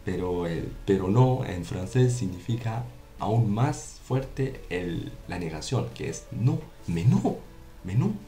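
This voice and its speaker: Deep-voiced man teaching French, roomy echo. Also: expressive, slow, warm tone. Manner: explains with repeated examples and checks "¿entiendes?". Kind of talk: casual online language lesson. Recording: roomy echo with faint music.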